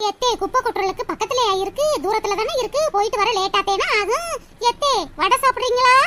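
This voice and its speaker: A woman's voice: very high voice, fast. A woman voicing a sly, cheeky young daughter-in-law in a cartoon comedy, sweet-talking. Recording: noisy background.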